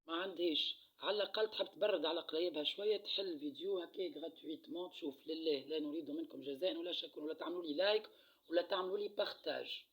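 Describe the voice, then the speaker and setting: A Tunisian man talks through a card reading in a casual, repetitive monologue. His voice sits a little high and carries a husky rasp. He speaks quickly, and his phrases often fade to a quiet murmur at the end. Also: poor audio. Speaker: card reader.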